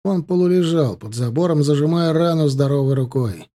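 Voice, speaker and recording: A man narrating an audiobook in a steady, measured storytelling voice. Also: a little high. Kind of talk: scripted narration.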